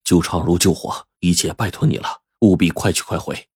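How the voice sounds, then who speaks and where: A storyteller voicing a kindly middle-aged mill owner who speaks calmly. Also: male voice, sits low, moderate pace, slightly rough, no room sound, clean studio sound, full character voice. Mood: measured.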